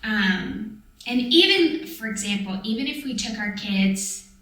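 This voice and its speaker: A woman's voice: mid-range voice, lively intonation, measured pace, fairly bright tone. A woman co-hosting a family travel vlog, chatting thoughtfully in long run-on sentences. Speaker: vlog co-host. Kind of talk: casual reflective chat. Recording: echoey room, distant mic.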